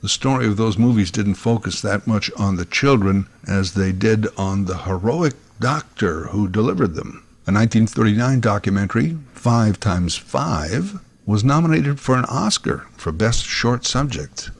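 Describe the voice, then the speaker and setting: A man's voice: fairly low pitch, animated, normal speed, creaky, few pauses. A man giving scripted documentary narration in a conversational way, recorded on a close microphone.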